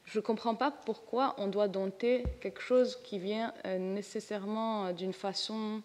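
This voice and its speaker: Lebanese woman panelist, candid and chatty, average pitch, reverberant hall sound. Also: steady tone, unhurried, darkish tone. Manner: spontaneous, frank and chatty. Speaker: panelist, comics artist. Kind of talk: casual panel talk. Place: conference hall.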